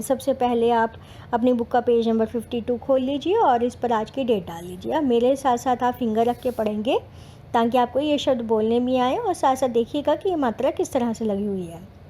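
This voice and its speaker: A woman's voice: fairly high pitch, dark tone, slight background noise. A woman teaching children Hindi vowel signs, sounding out syllables patiently and explaining words, mixing in English terms. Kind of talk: slow, careful Hindi lesson for children.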